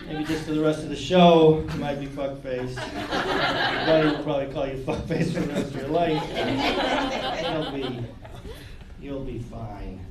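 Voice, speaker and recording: A man's voice: fairly high pitch, unhurried, heavy background noise. A male comedian headlining a club, telling loose, conversational stories and chatting with the audience. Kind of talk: storytelling stand-up. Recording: roomy club, distant mic, loud crowd laughter.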